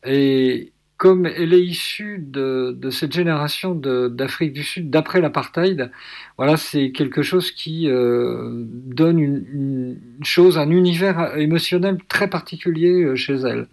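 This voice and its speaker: A man presenting jazz tracks on the radio, halting with many fillers and self-corrections, openly enthusiastic about the music. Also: a little high, darkish tone.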